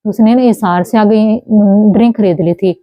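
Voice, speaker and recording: A young woman from Haryana speaks, recounting her own experience haltingly, with many false starts. Her voice sits at a middle pitch. It was recorded close and dry, and the sound is a little dull. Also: no echo. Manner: halting, with many restarts and cut-off words. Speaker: interviewee telling her story. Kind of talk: personal testimony.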